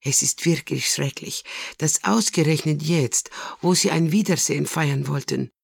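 An excitable older Italian woman, dramatic and warm-hearted, as a man puts her on in a storybook reading. She bursts out in emphatic, raised, loud phrases. The voice keeps a gravelly edge in a dry close sound. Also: on the high side, unhurried, dry recording, voice pushed up, heavily acted. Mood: emotional. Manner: emphatic, emotional outbursts.

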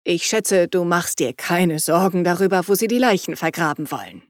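Woman doing a calm, low-voiced dad. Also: normal speed, no echo, clean studio sound, lightly acted. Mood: placating. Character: middle-aged father, calm and soothing.

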